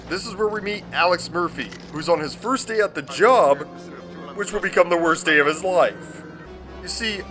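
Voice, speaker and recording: High bright-voiced dude ranting about a movie, cussing a lot, swoops all over the place. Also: male voice. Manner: profane, excitable and gushing. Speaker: movie reviewer. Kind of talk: comedic movie review.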